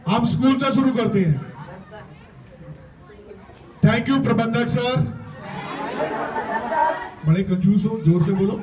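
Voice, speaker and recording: Male motivational speaker, high voice, coaching students to chant back, muffled sound with a crowd behind. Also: slow pace, long pauses. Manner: emphatic, prompts the crowd to repeat after him. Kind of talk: motivational talk with call-and-response. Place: school gathering with many students. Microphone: handheld or stage mic. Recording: echoey, distant, dull sound with crowd.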